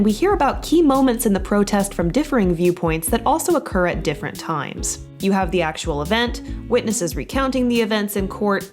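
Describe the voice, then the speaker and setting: A woman narrates a film essay in a brisk, wry voice. Her pitch moves freely and expressively. Faint music plays underneath. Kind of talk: scripted narration.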